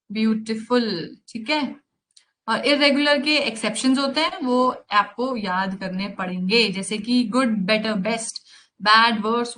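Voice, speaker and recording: A woman's voice: a little high, a bit bright, slight background noise, rough recording. A woman with an Indian accent teaching English grammar in a live online class, explaining in a teasing way. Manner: explains in Hindi mixed with English, slow and teasing.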